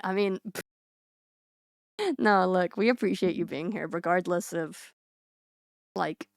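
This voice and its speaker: A woman's voice: mid-range voice, a bit bright, smooth, no room sound. Woman streamer yapping to chat, lots of likes and restarts, clean dry mic. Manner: chatty and rambling, many fillers and restarts, laughs often. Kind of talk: casual chat with viewers.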